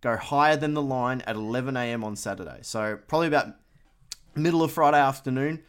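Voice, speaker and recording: An Australian man co-hosting a podcast with loud, matey lad banter, giving jokey betting tips in an emphatic, mock-dramatic sales pitch. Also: fast talker, clean tone. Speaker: podcast co-host presenting a betting tips segment.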